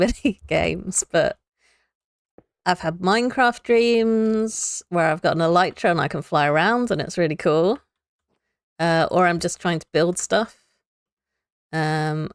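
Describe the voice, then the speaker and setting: A woman's voice: on the low side, no room sound, studio quality. A young woman streaming a building game, chatting to viewers and thinking aloud as she builds, laughing often. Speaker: Minecraft streamer. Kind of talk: casual live gameplay chat.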